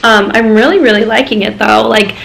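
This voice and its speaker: A young beauty vlogger chats casually to camera, her voice a little off because she is sick, peppering her speech with ums and likes. Her voice is on the high side, gravelly and a bit bright, with a steady tone and fairly quick pace, captured in a low-quality recording.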